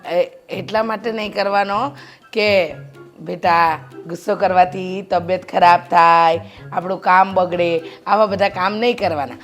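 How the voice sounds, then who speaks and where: A woman's voice: fairly low pitch, fairly even intonation, a little slow, faint music behind, close to an everyday voice. An actress playing a kind-hearted middle-aged mother who talks earnestly and persuasively. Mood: persuading. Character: kind-hearted mother, lecturing her grown son. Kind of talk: short film drama acting.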